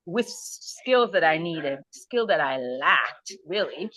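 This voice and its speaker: A middle-aged woman from Haiti, answering interview questions earnestly and thoughtfully, often pausing to rephrase. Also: low-pitched, sing-song, bright, forceful tone, no room sound. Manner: earnest, thoughtful, with light laughs and restarts. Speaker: nonprofit founder and program director.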